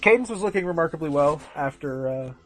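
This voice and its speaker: A man's voice: on the high side, lively intonation, fairly quick, fairly bright tone, soft background music. A sleep-deprived man chatting casually as co-host of a fan commentary, animatedly mimicking characters as he talks. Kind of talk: casual chat. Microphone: home microphone.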